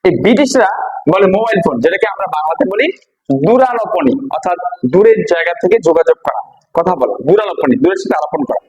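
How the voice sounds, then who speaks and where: Male teacher from Bangladesh, higher register, patient drilling style, asks and answers his own questions. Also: animated, fast talker, darkish tone, highs cut off. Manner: repeats each word and quizzes listeners with questions. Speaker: English teacher. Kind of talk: classroom-style vocabulary lesson.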